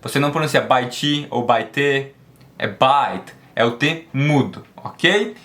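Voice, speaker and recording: A man teaching an online English lesson. He explains things patiently, often checks in with "ok?", and slows right down to model English pronunciation. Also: medium pitch, a bit bright. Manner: switches to slow, drawn-out English for pronunciation demos.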